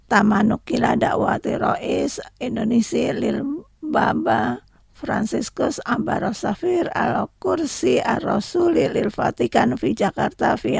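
A woman's voice: fairly high pitch, creaky, slightly rough, no room sound, studio quality. A woman reading a scripted news bulletin as newsreader.

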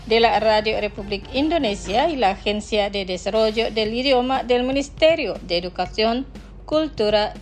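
A woman hosting a scripted radio language lesson, pronouncing words slowly and carefully so that listeners can repeat after her. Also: mid-range voice. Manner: slow, careful pronunciation for learners to repeat.

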